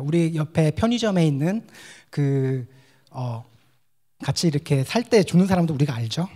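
Animated young Korean man preaching. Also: a little high. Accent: Gyeongsang Korean. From South Korea. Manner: animated, mixes English phrases, acts out dialect quips. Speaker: junior pastor. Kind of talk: lively sermon with humor.

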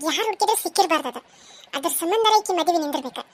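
A woman voicing a jealous middle-aged village woman who mutters low as she plots, with a North Karnataka Kannada accent. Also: animated, fast talker. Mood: scheming. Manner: low, muttering, plotting to herself.

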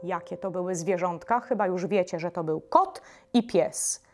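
A woman leading a music workshop for children, giving slow, patient instructions with short pauses. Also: fairly low pitch.

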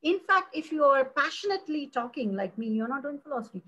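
A middle-aged Indian woman who teaches philosophy talks passionately in a conversational interview, animated and expressive, often restarting her sentences. Her voice sits high and moves fast, and the audio quality is poor.

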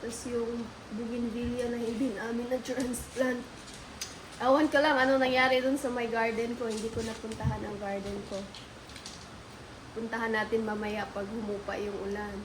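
A woman's voice: a little high, little pitch movement, moderate pace, noisy background. A woman vlogging casually at home, chatting to her viewers about the storm and her family. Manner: chatty, addresses viewers as guys. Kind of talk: casual family vlog chat.

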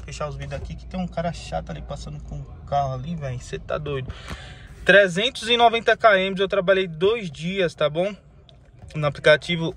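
A man's voice: on the high side, a bit bright. A man, a rideshare driver talking casually to his viewers in a slangy vlog from his car in the city. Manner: slangy, calls viewers family and guys. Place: inside and around a car in the city. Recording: noisy car and street recording. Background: street and traffic noise.

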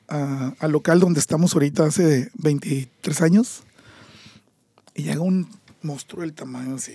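Gravelly Mexican man telling stories. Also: a little high, no room sound. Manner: animated, acts out voices in his stories. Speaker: podcast guest, taco shop owner. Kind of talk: storytelling interview.

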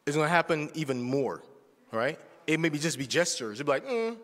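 A man's voice: fairly high pitch, brisk, fairly bright tone. A man in his forties giving a casual, conversational sermon as a church speaker, often checking in with the congregation. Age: 40s. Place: church sanctuary. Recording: long reverb of a church hall.

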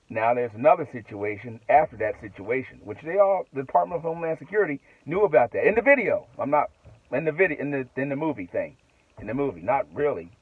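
A man's voice: mid-range voice, dry recording, narrow, tinny audio. A middle-aged man vlogging from inside his truck cab at night, talking in a rambling way with restarts and asides. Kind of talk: casual monologue to camera.

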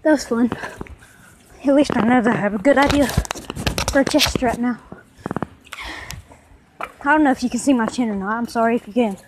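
A woman vlogging while riding a bike outdoors, talking casually and self-mockingly with breathy exclamations, recorded on a phone strapped to her chest. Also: fairly high pitch, normal speed, long pauses, background noise. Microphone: phone on a homemade chest strap.

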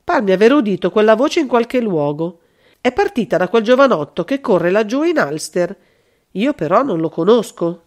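A woman reading a calm, clever male detective in an audiobook, measured and explanatory. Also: mid-range voice, natural voice. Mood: composed.

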